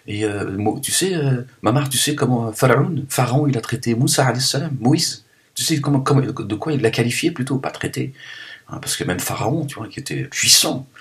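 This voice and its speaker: A man's voice: medium pitch, a bit bright. A man with a Parisian accent talking at home in a casual, joking, rambling vlog, with teasing asides. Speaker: vlogger. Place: home, cold room.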